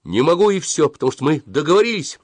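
A man's voice: a little high, big pitch swings, quick pace, no room sound, pitched above the performer's own voice. A man doing a stubborn, sulky teenage boy. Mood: stubborn pleading. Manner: insistent, sulky.

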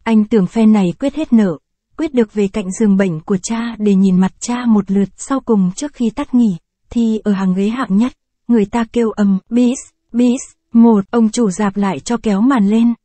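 A woman reads a short story aloud in a calm, measured storytelling manner. Her voice is mellow and dark in tone, recorded close and dry with no room sound. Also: medium pitch, no room sound. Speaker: audiobook narrator. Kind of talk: scripted short story reading.

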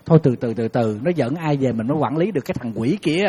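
A man, a Buddhist monk giving a dharma talk, telling lively stories and acting out the people who call him. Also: fast talker, husky, in a large hall. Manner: lively storytelling, acting out callers with sudden high bursts. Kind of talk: sermon.

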